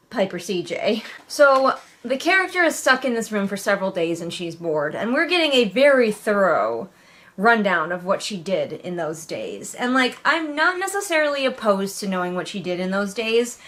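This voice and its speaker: Sarcastic and casual, a female book reviewer gives read-along commentary in a mid-range voice. Her mockery comes through in animated emphasis.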